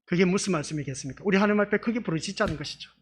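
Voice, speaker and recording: A pastor giving a conversational sermon in a church, often asking the congregation rhetorical questions. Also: male voice, sits high, rapid-fire, breathy edge.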